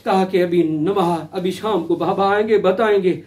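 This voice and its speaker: A man's voice: high voice, unhurried, a little mellow. A male cleric giving a mourning sermon, half-chanted, with a tearful, rising lament. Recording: distant mic with crowd noise.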